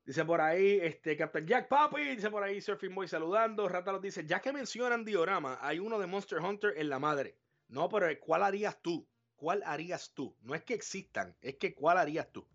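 A man co-hosting a live podcast, animated and profane, acting out his reactions. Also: high-pitched, moderate pace, muffled recording. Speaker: podcast co-host. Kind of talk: casual live podcast chat.

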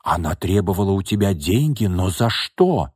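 A brisk, blunt woman of the household who fires off stern questions, voiced by a male audiobook reader. The voice is low and husky, on a dry, close mic. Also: very animated, a little mellow, no room sound, full character voice.

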